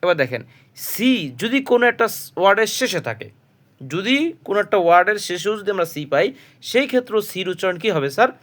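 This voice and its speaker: A man with a Bangladeshi Bengali accent gives a spoken English pronunciation lesson, his voice sitting a little high. He works patiently and repetitively, spelling words letter by letter. He poses a question to the class and then answers it himself. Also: expressive, quick pace, fairly bright tone. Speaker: English teacher.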